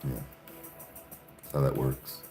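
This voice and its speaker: A man's voice: slow pace, mellow, faint music behind. A man hosting a podcast, ranting sarcastically in casual chat with plenty of profanity. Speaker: podcast host. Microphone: studio podcast mic.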